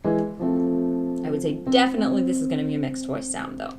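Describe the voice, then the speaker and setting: A woman voice teacher talks singers through a warm-up in a fairly low speaking voice. She explains registers in a plain, instructive way while a piano plays clearly behind her. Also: expressive, moderate pace. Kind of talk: vocal warm-up lesson.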